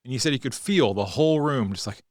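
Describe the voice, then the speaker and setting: A man co-hosting a podcast, telling stories in a relaxed conversational way and acting out the quotes. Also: medium pitch, quick pace, dry recording, studio quality. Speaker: podcast co-host. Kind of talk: reflective conversational storytelling.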